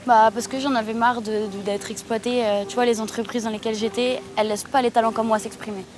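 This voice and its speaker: A woman's voice: fairly high pitch, little pitch movement, fast, lightly acted. An actress in her twenties playing a brash, ambitious recruiter in a web drama, boastful and insistent in casual slang. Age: 20s. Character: brash, ambitious, self-assured young female recruiter. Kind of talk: naturalistic screen drama dialogue. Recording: clearly noisy location recording.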